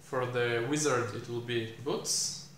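A young man teaching programming while he codes, thinking aloud with many fillers and pauses, recorded in a small room. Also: medium pitch, steady tone, fairly bright tone. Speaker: programming tutor. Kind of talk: live coding explanation. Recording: echoey room, faint hiss.

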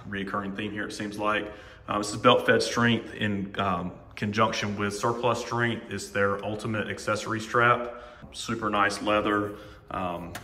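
A man in his forties giving a casual walkthrough of his home gym equipment, talking in a relaxed, chatty way with lots of fillers, recorded on a handheld phone. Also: lowish voice. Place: echoey home gym room. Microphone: phone camera held while walking. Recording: roomy reverberant home gym.

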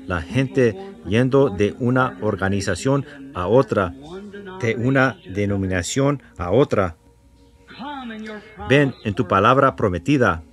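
A man preaching a sermon and leading a prayer with fervour, repeating words and putting questions to the congregation. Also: lowish voice.

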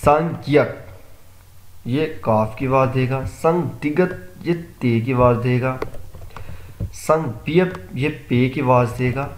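A man from Pakistan teaching Korean letter sounds, saying each sound and then explaining how it is pronounced. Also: mid-range voice. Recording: echoey room, faint noise.

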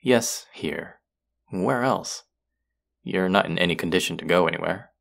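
This young male vampire, acted by a man for an intimate audio drama, sounds wry and caring this time. The voice is low and gravelly with crackling vocal fry, yet a bit bright and exaggerated, delivered at a measured pace by a character who is earnest and protective with a wry edge.

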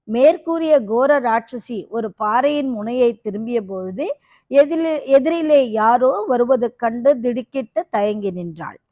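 High-voiced woman narrating a novel. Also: darkish tone, dry recording, dull audio. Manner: dramatic, posing rhetorical questions. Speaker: audiobook narrator.

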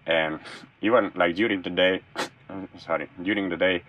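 Muffled audio captures a young non-native speaker from Slovenia, once a college thrower, talking eagerly as an interview guest in the cramped room of his camper van. His voice sits low with fairly even intonation and an unhurried rhythm, and he keeps restarting what he's saying.

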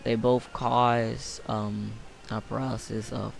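A tired young man mumbles through a late-night game commentary in a gravelly, monotone voice. He rambles offhand with lots of ums and restarts. A faint hiss sits under the recording. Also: mid-range voice, slow pace. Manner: rambling, offhand, many fillers. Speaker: gameplay commentator. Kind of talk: casual let's-play commentary. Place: home room, late night.

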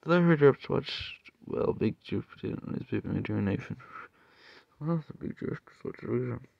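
A young man reading fan-made stories aloud, stumbling and halting with asides, over faint background noise. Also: mid-range voice, lively intonation, gravelly, a little mellow, no echo, dull audio.

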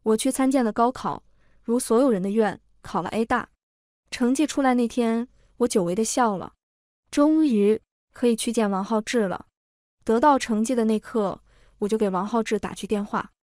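A woman narrates a first-person emotional story in a steady, even reading voice. Her voice sits fairly high. The recording is dry and close, with no room sound. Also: normal speed, dry recording.

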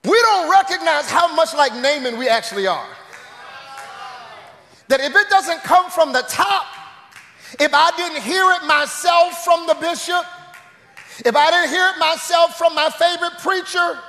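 A man preaching a sermon emphatically, shouting key phrases with animated asides, in a church sanctuary. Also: very high-pitched, unhurried, long pauses, in a large hall.

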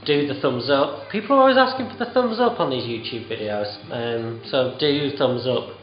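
A tired man in his thirties, a cooking vlogger, chats in a rambling, self-mocking way with plenty of ums while cooking in his home kitchen at night. His mid-range voice is animated and moves at a normal pace. He films himself on a handheld camera held close to his face, so the sound is lo-fi with an echoey room.

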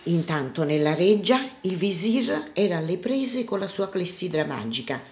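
A primary school teacher reads a storybook aloud to young children in a low voice. She tells the story clearly and gently, keeping an even storytelling pace. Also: moderate pace, a little hiss or hum.

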